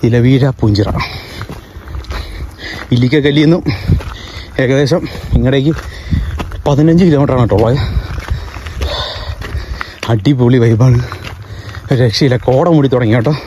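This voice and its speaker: Out on a hill path, a Kerala-born travel vlogger talks in a mid-range voice at a moderate pace, often pausing as he mixes English into his casual Malayalam narration. He has a Kerala accent and comes from Kerala, India. The audio sounds dull, captured handheld outdoors amid noise.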